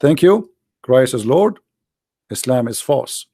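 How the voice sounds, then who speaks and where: Big pitch swings mark this man's medium-pitched, mellow, gravelly voice as he slowly preaches in a blunt, emphatic livestream monologue straight to viewers as a daily broadcast host. He is a native Arabic speaker, recorded close and dry with no room echo.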